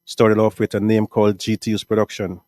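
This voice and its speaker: Guyanese guy w a lowish voice, chill rambly interview talk, keeps saying right?, dry close sound. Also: a little fast, no room sound. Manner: relaxed, rambling, frequent "right?" and "um". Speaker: music artist and producer. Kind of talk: casual interview answers.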